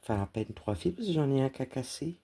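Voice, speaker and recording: Husky woman stitching on camera, chatty and fond, dark mellow tone. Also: very deep voice, lively intonation, fast. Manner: chatty, fond, talks to her dog. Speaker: cross-stitch vlogger. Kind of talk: casual chat while stitching.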